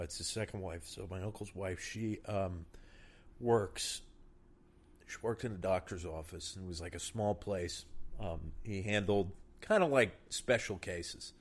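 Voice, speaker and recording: A young man casually telling jokes to a friend and laughing at his own punchlines. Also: deep voice. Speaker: comedian trading jokes. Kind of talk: casual joke-telling chat.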